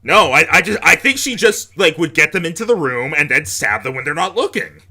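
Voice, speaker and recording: A man chatting casually and jokily as he plays a game, in an animated, rambling way. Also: fairly high pitch, fairly quick. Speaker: gamer playing and reading aloud. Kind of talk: casual gaming chat.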